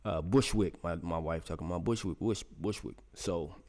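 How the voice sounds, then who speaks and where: On his laid-back live radio stream, a middle-aged man reads weather for chat listeners in a low-pitched, slightly mellow voice at normal speed. He's loose and jokey, narrating to himself as he hunts for the information.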